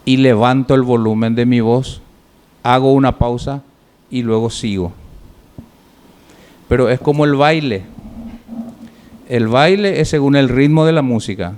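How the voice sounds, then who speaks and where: A man's voice: mid-range voice, a little mellow. Man giving a classroom speaking lesson. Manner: measured, lists points with pauses and rhetorical questions. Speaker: public speaking teacher. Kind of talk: classroom feedback lecture.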